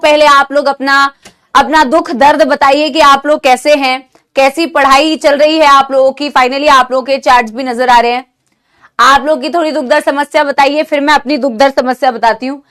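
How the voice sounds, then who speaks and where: A young woman teaching a live online class with a sore throat from a cold, talking gently and affectionately to her students while mixing Hindi and English. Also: sits high, steady tone, normal speed. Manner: motherly, calls students "beta", mixes Hindi and English. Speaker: online NEET biology teacher.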